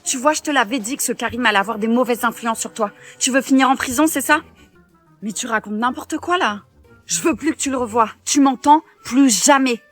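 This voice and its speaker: A woman's voice: fairly high pitch, brisk, faint music behind, close to an everyday voice. A synthetic woman's voice playing an overprotective mother scolding her daughter in a comedy skit. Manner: scolding, indignant.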